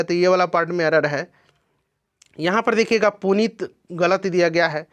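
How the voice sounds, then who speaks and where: A man with a fairly high voice walks students through exam questions one at a time. He explains each answer patiently and keeps checking in with his listeners. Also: fairly bright tone. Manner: explanatory, repeats "ठीक है ना" to check in. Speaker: exam coaching teacher.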